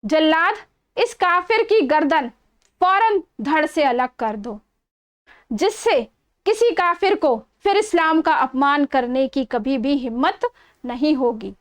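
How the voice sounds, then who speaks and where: A woman's voice: sits high, lively intonation, slow. A woman voicing an angry, commanding male judge in a storybook reading. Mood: furious. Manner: angry orders, shouted threats. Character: furious male Islamic judge, harsh and commanding.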